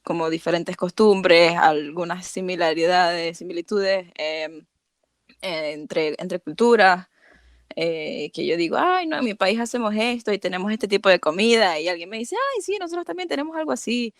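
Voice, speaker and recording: A woman from Venezuela with a Latin American accent, a guest on a podcast interview, speaking warmly and hesitantly with many fillers. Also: lowish voice, animated, moderate pace, dry recording, studio quality. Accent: Latin American Spanish. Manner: warm, hesitant, many fillers and soft laughs. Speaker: podcast guest, chemical engineer. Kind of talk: casual interview chat.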